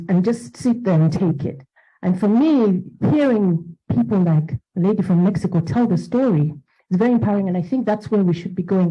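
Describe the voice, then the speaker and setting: A woman's voice: mid-range voice, lo-fi sound. A woman from Zambia, an advocate speaking earnestly from the floor at a panel. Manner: earnest, with fillers and repeated words. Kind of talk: impassioned comment at a panel.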